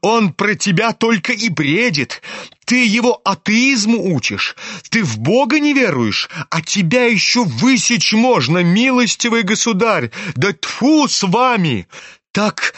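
An overwrought older noblewoman who scolds in high, drawn-out outbursts, as a male reader puts her on. The voice sits well above a man's usual pitch and is recorded close and dry, with no room around it. She sounds indignant and fussing. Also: sing-song, bright, forceful tone, no room sound, heavily acted. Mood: scolding. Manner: shrill, scolding, drawn-out exclamations.

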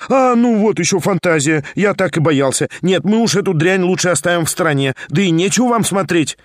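A man reading a novel aloud and voicing a fussy, scheming young man who pleads and coaxes in a rapid, high patter. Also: expressive, no room sound, studio quality. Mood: impatient. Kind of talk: audiobook character reading.

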